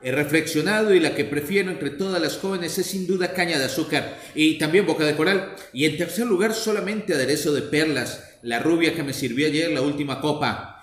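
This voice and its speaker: A man's voice: fairly high pitch, brisk, few pauses, lightly acted. Man putting on a bossy, indignant young man who thinks he's a caliph, raised voice, storybook reading in an echoey room. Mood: musing. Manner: shouting, commanding, indignant. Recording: echoey room with faint noise.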